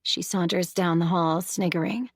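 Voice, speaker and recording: A woman reading a thriller audiobook as first-person narrator, in a measured, storytelling manner. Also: on the low side, steady tone, no echo, studio quality.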